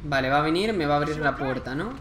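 A man with an accent from Spain, casually commenting on a game he plays, chatty and excitable with lots of slang. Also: fairly high pitch, fast, echoey room, slight background noise. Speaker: gameplay commentator.

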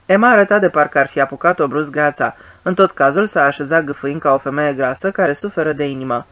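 An audiobook narrator reading a literary story in an even, measured way. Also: mid-range voice.

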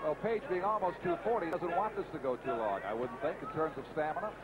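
Male live boxing broadcaster, high-pitched, very loud arena din underneath. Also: fast. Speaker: play-by-play boxing commentator. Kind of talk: live sports broadcast commentary. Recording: loud crowd noise behind voice. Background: roaring arena crowd.

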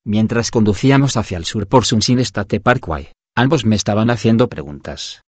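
A man with a low voice reads an audiobook in scripted narration. His delivery is steady and even, and he sometimes reads punctuation marks aloud. The sound is dry and close, with no room echo. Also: moderate pace.

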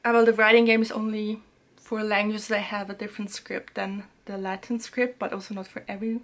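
A young Serbian woman who makes language-learning videos on YouTube reviews a language app from a small room at home. She's relaxed and chatty, sprinkling her speech with fillers, and talks a little fast in a mid-range voice.

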